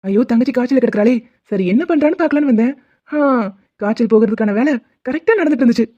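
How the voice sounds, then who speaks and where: A woman voicing a cheerful, teasing young man in love in an animated series, with playful banter. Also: on the high side, very fast, dull audio, natural voice. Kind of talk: animated web series dubbing.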